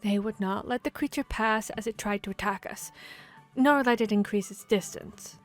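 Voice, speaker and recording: In a fantasy audio roleplay, a woman plays a boastful, playful female vampire hunter telling tavern tales, theatrical and expressive, with a dramatic, proud mood. Her medium-pitched voice moves at a moderate pace, close to everyday speech, over background music and tavern ambience.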